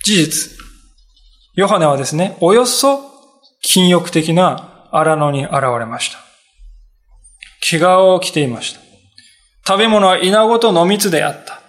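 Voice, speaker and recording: A man's voice: high voice, expressive, unhurried, pauses often, a bit bright. A man preaching a Sunday sermon as pastor, earnest, with emphatic asides and quoted voices. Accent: Japanese.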